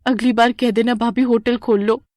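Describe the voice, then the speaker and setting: A woman's voice: on the high side, little pitch movement, a little mellow, dry recording, studio quality, lightly acted. A woman playing a sarcastic, worn-out young bride. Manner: exaggerated, complaining, quick sarcastic jokes. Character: young new bride, dramatic and tired, sarcastic. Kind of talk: animated story voice acting.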